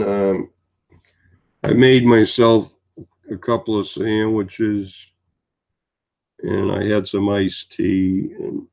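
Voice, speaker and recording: Through a muffled recording comes a medium-pitched, somewhat dark male voice. The weary sixty-something vlogger meanders along in a casual chat, his storytelling loaded with fillers.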